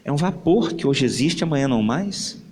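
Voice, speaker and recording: A man's voice: on the high side, animated, moderate pace, darkish tone, husky. A man preaching a sermon as pastor, telling a story with dramatic acted-out family dialogue. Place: church hall. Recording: church hall with long reverb, faint noise.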